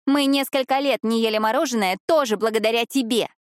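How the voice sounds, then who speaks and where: A woman voicing a bratty, angry teenage girl who shouts and scolds in an audiobook. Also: on the high side, brisk, no room sound, clean studio sound, pitched above the performer's own voice, close to an everyday voice. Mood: angry scolding.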